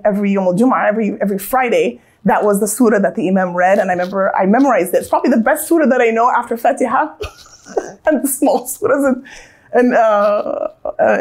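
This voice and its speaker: Speaking at a medium pitch, a thirtysomething woman from Southern California looks back on her life with earnest, casual storytelling and frequent restarts.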